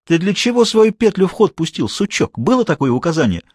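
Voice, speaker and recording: Guy doing a bossy crime boss, high and snappy, all scorn, lots of lift and drop. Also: sing-song, moderate pace, no echo, clean studio sound. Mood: scornful. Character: irritable scheming male crime boss.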